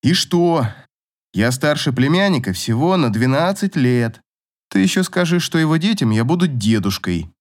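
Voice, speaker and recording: A man's voice: on the high side, big pitch swings, normal speed. An actor playing a sardonic, swearing man who teases and mocks. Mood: teasing. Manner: mocking, swears.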